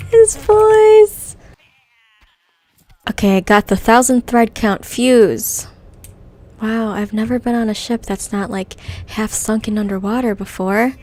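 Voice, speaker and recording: A young woman giving casual, excitable gameplay commentary as a video creator. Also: medium pitch. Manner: excitable, bubbly, quick to gasp and laugh.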